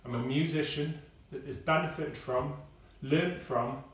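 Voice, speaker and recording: Guy teaching a beatbox lesson, kinda far from the mic, really echoey kitchen. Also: fairly high pitch. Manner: measured, explaining step by step with pauses and fillers. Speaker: music teacher. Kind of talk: casual video lesson. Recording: echoey room, speaker away from the mic.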